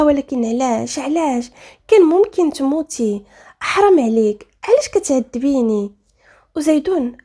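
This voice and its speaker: A woman with a Moroccan accent voicing a caring, devoted young husband who speaks softly and tenderly to reassure his wife. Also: sits high. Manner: soft, tender, pleading.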